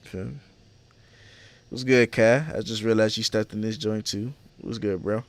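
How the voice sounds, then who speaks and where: This podcast host is a young man with a fairly low, steady voice and an unhurried delivery, recorded without any room sound. Chatting with friends over voice chat, he keeps it laid-back and slangy, swearing heavily and laughing often.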